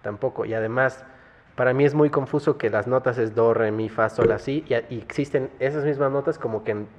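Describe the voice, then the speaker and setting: A man's voice: mid-range voice, brisk, a little mellow. A man hosting a casual chat, chatty, laughing, and acting out conversations he tells about. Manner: chatty, laughing, acts out exchanges with his teacher. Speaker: host. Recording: dull sound with long reverb.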